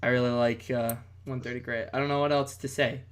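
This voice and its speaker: A chatty man hosting a relaxed online music stream, talking casually with friends in voice chat. He keeps nudging the group back to the music between jokes, in an easygoing, mid-pitched voice. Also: brisk, smooth. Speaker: stream host.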